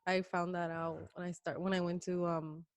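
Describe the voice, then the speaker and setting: A woman from Puerto Rico co-hosting a relaxed podcast, speaking in a somewhat low voice. She talks in a teasing, easygoing way and laughs easily. The recording is dry, with a close mic. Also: moderate pace, no room sound. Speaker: podcast co-host. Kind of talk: casual chat.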